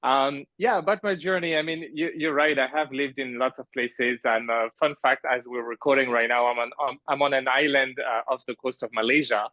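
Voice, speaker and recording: A French man in his thirties joins a podcast over a remote call from an island at night, chatting casually about his life in a conversational interview, rambling with many fillers and restarts and laughing often. His medium-pitched voice holds a steady tone, runs a little fast with hardly any pauses, and the recording is dry and lo-fi.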